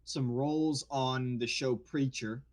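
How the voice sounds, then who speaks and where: A guest actor from the New Orleans area tells stories in a casual podcast chat, animated and restarting frequently. His voice is mid-range and his pace slow.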